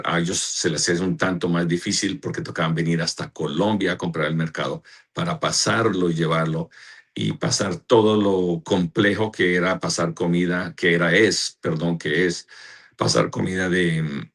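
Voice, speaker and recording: A man, a pastor and church director, answering interview questions in a slow, earnest way as he searches for words. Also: sits low, steady tone, fairly bright tone, husky.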